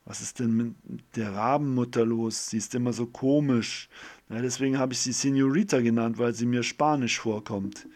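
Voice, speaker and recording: A man's voice: mid-range voice, steady tone, moderate pace, a little mellow, natural voice. A man plays a gossipy older village woman in a homemade storybook. She talks in a chatty, wry way, full of little remarks.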